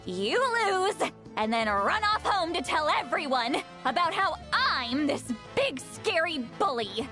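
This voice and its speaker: A woman's voice: sits high, sing-song, measured pace, sharp tone, full character voice. A woman playing a feisty, tipsy granny shaman in a video game, belligerent, proud and grumbling with a drunken slur. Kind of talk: animated video game acting. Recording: music behind the voice.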